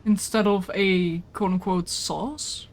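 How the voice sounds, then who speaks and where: A female livestreamer talks slowly in a mid-range voice with fairly even intonation, chatting casually with her co-player during a video game. She keeps drifting into rambling about food and snacks.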